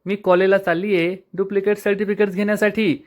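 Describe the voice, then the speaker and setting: A brisk, sensible young married woman, as a male narrator quotes her. Her lines come out slightly higher and quicker than a plain speaking voice. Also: flat delivery, lightly acted.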